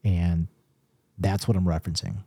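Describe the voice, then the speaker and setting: A man co-hosting a paranormal podcast, explaining his views in a measured casual way with restarts. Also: low voice, little pitch movement, gravelly, warm tone, slightly rough, no room sound, clean studio sound. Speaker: podcast co-host, paranormal investigator. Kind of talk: casual chat.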